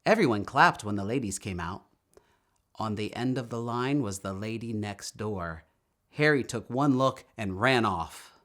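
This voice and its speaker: Reading a children's story aloud, a man with a lowish voice takes an expressive, deliberate storytelling approach as the storybook reader.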